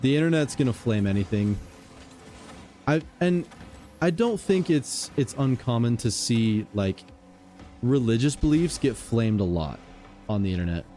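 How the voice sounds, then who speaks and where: A man livestreaming games, chatting casually with viewers and telling stories in an animated, slangy way. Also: medium pitch, unhurried, pauses often, soft background music. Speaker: gaming livestreamer.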